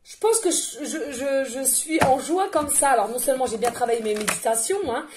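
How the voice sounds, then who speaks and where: A woman with a high, loud and carrying voice talks through a tarot card reading in a relaxed, chatty way. She laughs often and stumbles over fillers as she goes. No microphone is used, and a faint hiss sits under her voice. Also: a little fast. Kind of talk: casual card-reading guidance. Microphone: no microphone, picked up by the device directly.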